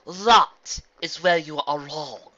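A storyteller voicing a cold, furious evil female alicorn princess who speaks in slow, booming, imperious declarations. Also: bright, forceful tone, dull audio.

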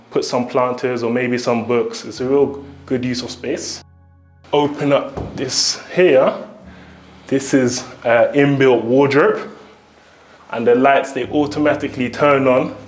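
A man's voice: medium pitch, fairly even intonation, measured pace, roomy sound. A young man with a London accent leading an enthusiastic walk-through tour of a newly built house, talking straight to viewers. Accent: London English. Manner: upbeat, enthusiastic, addresses viewers directly. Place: empty newly built house, indoor rooms and garden.

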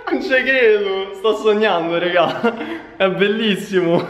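A man's voice: sits high, slow pace, fairly bright tone. A young man with a Roman accent, joking sarcastically as he chats to camera in a casual vlog. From Italy. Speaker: vlogger.

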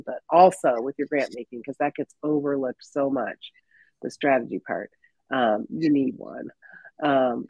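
A woman's voice: sits low, darkish tone, breathy edge, no room sound. Congested woman hosting a chat show. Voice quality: stuffy, nasal. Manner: upbeat, chatty, with many ums. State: congested, at the end of covid. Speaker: podcast host. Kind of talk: casual interview chat. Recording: muffled dry video-call audio.

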